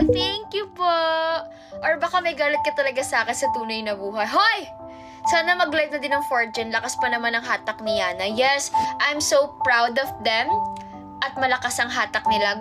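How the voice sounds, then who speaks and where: A young woman from the Philippines on a casual livestream, reading fan comments aloud and answering them playfully. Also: high voice. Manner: reads viewer comments aloud and answers them playfully, mixing English and Filipino. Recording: livestream with background music. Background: music playing in the background.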